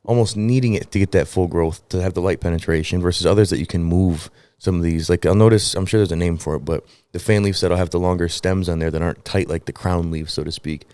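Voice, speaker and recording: A man's voice: low-pitched, steady tone, fast, few pauses, warm tone, clean tone, dry recording. A man with a Midwestern American accent co-hosting a podcast, rambling and joking in casual chat. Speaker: podcast co-host.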